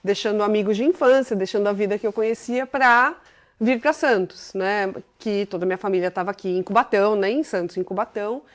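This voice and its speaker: A woman's voice: mid-range voice, a little fast. A woman in her forties from Brazil, a company CEO telling her life story as an interview guest, chatty and enthusiastic, peppering her talk with little tag questions. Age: 40s. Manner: chatty, full of filler tags, enthusiastic storytelling.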